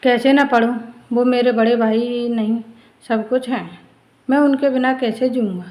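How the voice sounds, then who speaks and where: A woman's voice: fairly high pitch, normal speed, a little mellow, natural voice, poor audio. A woman voicing a tearful schoolboy who pleads with his sister-in-law, speaking in a pleading, tearful way.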